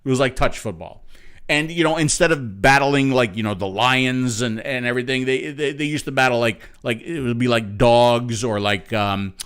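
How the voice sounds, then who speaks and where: Male co-host, rambling stammering joker, average pitch. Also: normal speed, a bit bright, clean tone. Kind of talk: casual chat.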